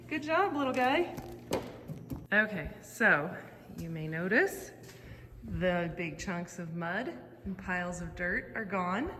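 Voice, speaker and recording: A woman talks casually as a vlog host, chatty and informal as she thinks out loud. Her voice echoes through a large workshop with long reverb, and clear background noise sits behind her. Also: mid-range voice. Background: loud ambient noise.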